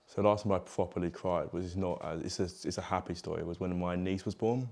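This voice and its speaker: A man's voice: sits low, steady tone, fairly quick, vocal fry, darkish tone. A man in his twenties telling a story earnestly in an interview. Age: 20s. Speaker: business student. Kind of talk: personal interview testimony.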